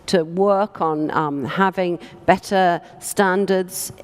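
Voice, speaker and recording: A woman on a panel makes a measured, serious point in a lowish voice. The long reverb of a large hall follows her words. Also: fairly even intonation.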